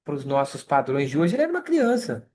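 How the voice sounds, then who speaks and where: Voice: medium pitch, wildly swooping pitch, fast, a little mellow, a little hiss or hum. A study group leader with a Brazilian Portuguese accent gives an online scripture lesson over a video call, speaking conversationally and often checking in with listeners.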